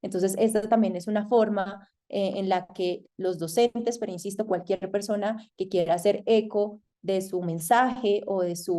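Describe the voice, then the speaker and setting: Colombian woman lecturer, soft mellow tone, measured and hesitant delivery, frequent pauses. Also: medium pitch. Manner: thoughtful, hesitant with frequent fillers. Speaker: masterclass lecturer. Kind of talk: online lecture.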